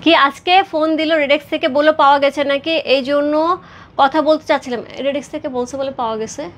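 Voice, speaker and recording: A Bangladeshi woman in her thirties hosts a live-stream saree sale, chatting with viewers amid quick, repetitive sales patter. Her voice is high-pitched with a steady tone, and there is slight background noise.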